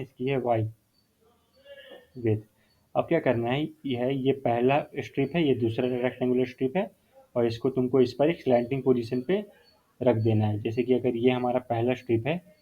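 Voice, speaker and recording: A male math teacher explaining a whiteboard lesson step by step, repeating key terms and mixing in English phrases. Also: mid-range voice. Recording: phone-like narrow sound.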